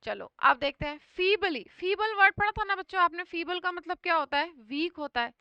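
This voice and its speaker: A woman's voice: very high-pitched, animated, moderate pace, dry recording, dull audio. A woman teaching English vocabulary for an exam in Hindi, mixing in English words and often checking in with her students. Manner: often repeats "thik hai" to check understanding.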